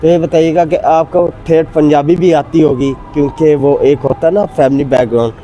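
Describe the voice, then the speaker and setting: A man's voice: fairly high pitch, steady tone, normal speed, mellow, slight background noise. A Pakistani man hosting an interview, asking short prompting questions in a casual tone. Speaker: interview host.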